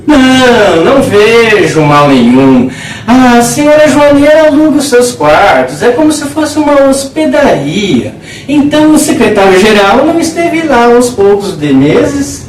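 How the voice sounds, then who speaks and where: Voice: very animated, a little slow, slight background noise. A performer voicing a plump, smug and gossipy older canon priest in a dramatic reading of a novel, speaking emphatically. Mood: insistent. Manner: emphatic, with wide swings of pitch between phrases. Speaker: reader voicing the characters. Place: small intimate room. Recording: roomy sound from a distant mic.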